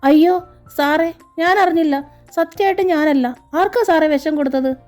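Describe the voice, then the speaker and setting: A woman voicing a frightened middle-aged stepmother who begs and wails in a high, drawn-out voice while reading a storybook aloud. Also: expressive, darkish tone, soft background music. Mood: pleading. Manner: wailing, begging, high and drawn out.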